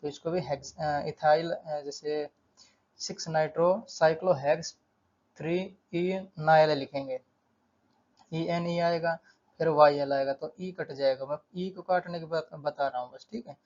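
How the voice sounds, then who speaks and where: Male tutor, slightly high voice, patient board-side explainer, dull recording. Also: measured pace. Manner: steady, repeats terms, counts aloud. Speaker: chemistry tutor. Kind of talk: whiteboard lesson explanation.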